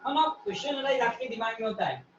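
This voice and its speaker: A male teacher giving a live online class, repeating definitions slowly and quizzing students by name. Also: extremely high pitch, lively intonation, noisy background. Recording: echoey, distant, dull sound.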